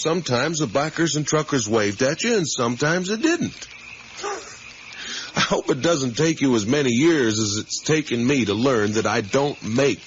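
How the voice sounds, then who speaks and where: In a naturalistic radio drama, an actor plays a middle-aged father who is easygoing and talkative, rambling in a folksy, gently teasing way. His voice sounds natural and sits at medium pitch. The audio is a muffled, hissy radio broadcast from the 1980s.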